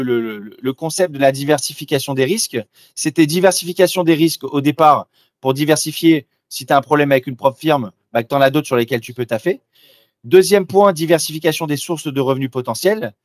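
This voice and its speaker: In studio-quality audio without echo, a man with a fairly high voice presents a live trading demo. He addresses the listener directly and casually, frequently starting his sentences over.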